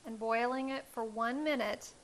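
This woman has a fairly high pitch and keeps a moderate pace. In her thirties, she hosts a home cooking show, walking through a cooking demonstration in her kitchen on a lapel mic and explaining each step in a friendly, instructional tone.

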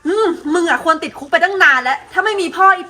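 A brash teenage schoolgirl, played by a young woman in an amateur student drama. She talks in coarse slang and picks fights. Her voice is very high and bright. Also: expressive, fast talker, slight background noise, exaggerated voice. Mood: argumentative.

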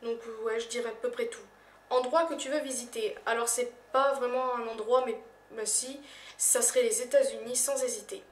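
A young woman answering questions in a casual vlog, hesitant, with many fillers and phrases that trail off softly. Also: a little high, fairly even intonation, moderate pace. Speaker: YouTuber. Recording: echoey room, voice a little far from the mic.

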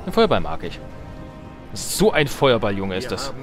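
Low-ish and unhurried, this man's voice swings hugely in pitch as he provides relaxed let's play commentary. Strategy game music and sounds run underneath his jokes and self-directed musings.

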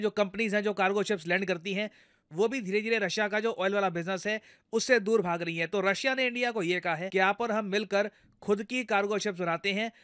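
A high, somewhat bright male voice with a clear, resonant tone belongs to a news commentator and video host with an Indian accent. He addresses viewers directly, explaining things conversationally step by step. The studio-quality audio has no echo.

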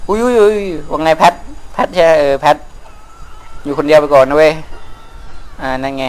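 A man's voice: on the high side, normal speed, clean tone, low-quality recording. A young man giving crude, joking commentary over a game he is playing. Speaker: gameplay commentator. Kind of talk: casual let's play commentary.

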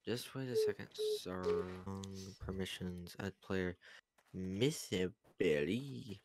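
A man with an unenthusiastic, deadpan innkeeper manner, chatting casually in role during a game over a noisy mic. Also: fairly low pitch, slow, soft background music. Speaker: player acting as tavern barkeep.

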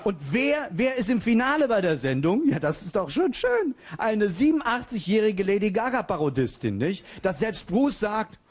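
Chatty high-voiced stand-up comedian. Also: male voice. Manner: chatty, lively, quick asides. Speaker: comedian and impressionist. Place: comedy stage with audience.

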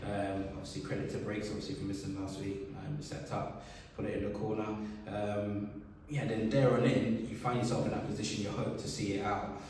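A man, a football manager giving a relaxed post-match interview full of fillers. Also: on the low side, fairly quick, slight background noise. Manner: relaxed, many fillers and "sort of". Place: bare indoor room by a wall, seated. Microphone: camera a few feet away. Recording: echoey room from far off.

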